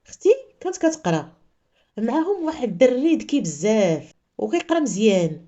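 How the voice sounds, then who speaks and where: A woman with a Moroccan accent narrating a story in an expressive storytelling style. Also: fairly high pitch, a little fast, highs cut off. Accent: Moroccan Arabic.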